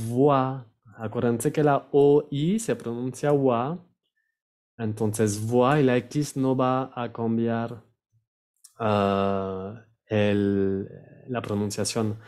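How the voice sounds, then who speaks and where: A man teaching French pronunciation, repeating words slowly and sometimes searching for the right word. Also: mid-range voice. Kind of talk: pronunciation lesson.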